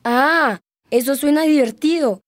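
A woman's voice: high-pitched, a little slow, dry recording, studio quality. A woman voicing a curious, cheerful young boy in an educational radio drama, asking eager questions. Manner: eager, inquisitive.

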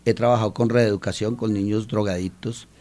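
A man's voice: on the low side, steady tone, fairly quick, darkish tone. Colombian man telling classroom stories. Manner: earnest storytelling, acts out quotes. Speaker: teacher and author. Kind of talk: radio interview.

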